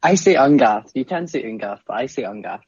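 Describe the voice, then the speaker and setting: A man's voice: medium pitch, animated, fairly quick, a little mellow, husky, no room sound, highs cut off. A man in his twenties from Scotland, calling in to a podcast and speaking hesitantly with many fillers. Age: 20s. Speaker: caller. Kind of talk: phone-in conversation.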